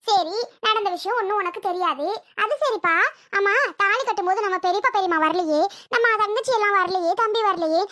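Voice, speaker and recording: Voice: extremely high pitch, fairly quick, bright, forceful tone, no room sound, clean studio sound. A voice actor playing an aggrieved older aunt in a cartoon, speaking with a Tirunelveli Tamil accent and scolding her nephew. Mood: reproachful. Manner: accusing, scolding. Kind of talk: cartoon voice acting.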